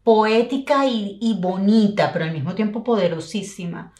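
A woman's voice: medium pitch, moderate pace, a little mellow, echoey room. Venezuelan woman with a Caribbean Spanish accent. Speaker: interviewer. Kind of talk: reflective casual conversation.

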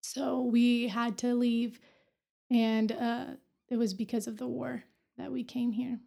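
A woman's voice: fairly high pitch, little pitch movement, takes it slowly, gravelly, dark tone. A woman in her twenties from Afghanistan, a medical student giving earnest, plainspoken answers as a podcast guest. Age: 20s. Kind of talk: casual interview.

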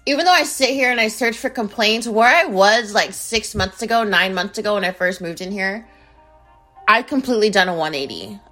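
A woman in her twenties hosting her own podcast in casual, playful chat that swings between loud bursts and low mumbles. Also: expressive, a little fast. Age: 20s. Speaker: podcast host. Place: home in Arizona. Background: music beat playing.

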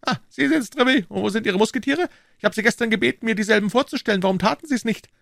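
A man voicing an excitable young king in a high, fussy, scolding voice, reading a story aloud. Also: vocal fry, dry recording, studio quality. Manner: shrill, fussy, quick to scold. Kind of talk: audiobook character voice.

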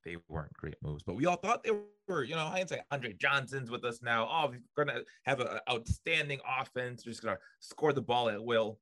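A man's voice: mid-range voice, very animated, brisk, few pauses, bright, forceful tone, no room sound. A man co-hosting a podcast, joking sarcastically in a casual chat about football.

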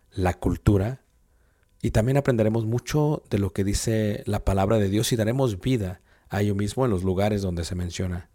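A man calmly inviting listeners to a Bible course and offering blessings. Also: fairly low pitch. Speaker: class announcer. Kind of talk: promotional outro for a Bible course.

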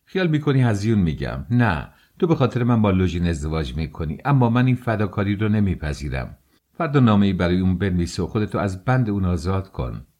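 A man's voice: low-pitched, big pitch swings, dark tone. A man voicing a feverish, bitter young man in an audiobook, curt and angry. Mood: stern. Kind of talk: audiobook character voice.

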